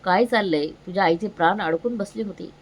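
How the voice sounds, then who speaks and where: A woman's voice: medium pitch, fairly quick, lightly acted. A woman voicing a tearful, worried mother. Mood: anguished reproach. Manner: anguished, reproachful.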